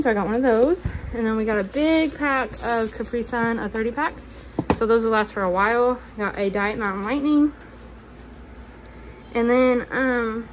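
A young woman with a slightly high voice talks casually into a handheld phone camera in her home kitchen. She chats along with plenty of fillers and stumbles, and faint household noise sits behind her. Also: darkish tone, rough recording. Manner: chatty, with fillers and self-corrections. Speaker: vlogger. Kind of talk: casual grocery haul narration.

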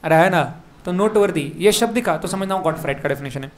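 A fairly high-pitched man with an Indian accent leads an exam revision class. He repeats the key terms and keeps asking his students quick questions, over a faint ambient hiss. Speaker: teacher.

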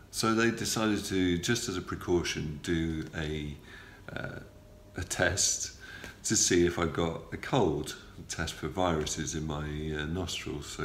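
A middle-aged man with a very deep voice, stuffy from a cold, records a matter-of-fact video diary as a patient in a small indoor hospital room. He speaks haltingly with many ums and uhs into a close front-facing phone or camera, and the sound is roomy with a faint hum in the background.

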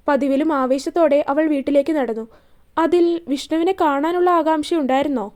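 A woman storyteller reading a serial romance story aloud in a steady, even way. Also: high-pitched.

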